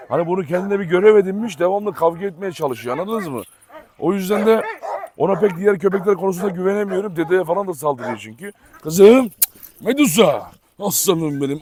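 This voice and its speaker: A man vlogging outdoors at his dog kennels, chatting casually to viewers as he walks around. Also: high-pitched. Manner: chatty, talks to viewers and calls out to dogs. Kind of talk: casual vlog walkthrough.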